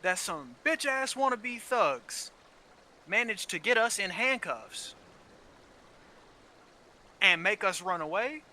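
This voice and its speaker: A high, animated male voice, pushed and bright, takes its time with long pauses. He's a gaming channel co-host in a casual, heated story chat, swearing often, sharply opinionated, and repeating words as he works his point out.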